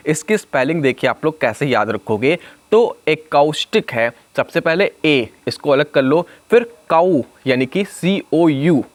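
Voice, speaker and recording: A man teaching an exam prep spelling lesson, slowly spelling out words letter by letter. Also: mid-range voice, no room sound.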